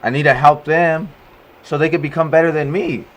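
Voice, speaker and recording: A man's voice: on the high side, steady tone, normal speed. A man who coaches paintball, talking casually in a laid-back, earnest way with many fillers like "you know" and "like". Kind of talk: casual podcast chat.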